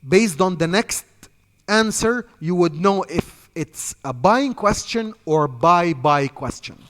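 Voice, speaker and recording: This man, a sales trainer with an Egyptian accent, delivers an improvised instructional talk to trainees in a hall with lots of reverb. His high-pitched, expressive, slightly bright voice moves at a slow pace, and he drives points home through repetition and emphasis.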